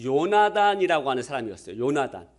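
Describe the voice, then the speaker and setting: A man's voice: mid-range voice, big pitch swings, quick pace. A man preaching a sermon as pastor. He puts rhetorical questions to the congregation and reads scripture aloud with them. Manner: acts out quoted speech in a plain everyday voice.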